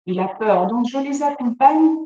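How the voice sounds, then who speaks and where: A woman's voice: on the high side, animated, unhurried, dark tone, highs cut off. A woman presenting a webinar, speaking spontaneously with many fillers and restarts. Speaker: webinar presenter, business facilitator. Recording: distant mic in echoey room, faint noise.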